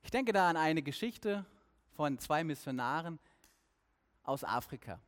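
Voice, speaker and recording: Guy preaching a sermon, earnest, asks the crowd questions, voice on the higher side. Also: expressive, a little slow. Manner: earnest, with questions aimed at the listeners.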